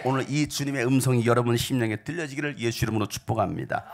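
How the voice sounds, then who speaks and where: A man preaching a Sunday sermon as pastor, moving from hushed asides to loud shouts. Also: fast talker. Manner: dynamic preaching, swinging between hushed whispers and loud shouts; gravelly voice with lively pitch. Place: church sanctuary.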